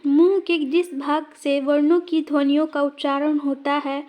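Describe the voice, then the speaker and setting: A woman's voice: high voice, flat delivery, measured pace, a little mellow. A woman teaching an exam-prep lesson, sounding out each letter carefully and speaking directly to her viewers. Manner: addresses viewers directly, asks them to say sounds aloud.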